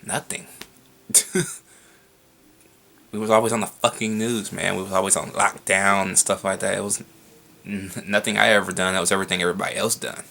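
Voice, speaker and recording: A man's voice: low voice, level tone, fairly quick, gravelly, pauses often, sharp tone. A young man answering viewer questions in a casual vlog, rambling with frequent swearing and laughs.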